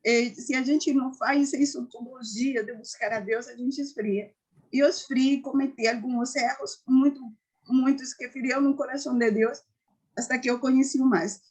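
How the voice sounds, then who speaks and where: A woman giving an earnest personal faith testimony, often halting and restarting. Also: high-pitched, fairly even intonation, darkish tone, slightly rough. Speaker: testimony giver.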